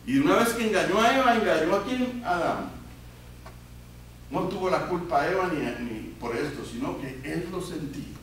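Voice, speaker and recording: A man preaching a sermon, often throwing questions out to the congregation and moving between loud emphatic peaks and quiet low asides. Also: animated, normal speed. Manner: call-and-response questions to the congregation. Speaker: pastor. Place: church sanctuary. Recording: very echoey church hall, voice from far off, faint hiss.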